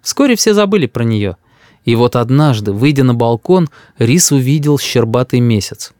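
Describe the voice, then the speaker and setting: A man's voice: medium pitch, expressive, normal speed, darkish tone, no room sound, clean studio sound. A man reading a humorous first-person story aloud as an audiobook narrator. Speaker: audiobook reader.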